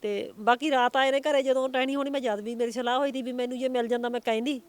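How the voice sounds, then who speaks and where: A woman's voice: sits high, fairly even intonation, fast, smooth. A middle-aged woman from Punjab, India, a grieving mother answering interview questions in a plaintive voice, repeating her complaints.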